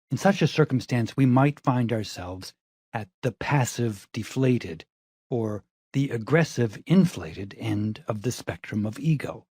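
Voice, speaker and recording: A man giving calm, measured audiobook narration of a reflective self-help text. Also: mid-range voice, breathy edge, dry recording, studio quality.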